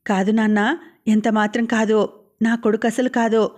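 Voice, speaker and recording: A woman's voice: on the high side, flat delivery, normal speed, a little mellow, natural voice. A woman voicing a troubled young husband who pleads with his father in an anguished way. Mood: distressed.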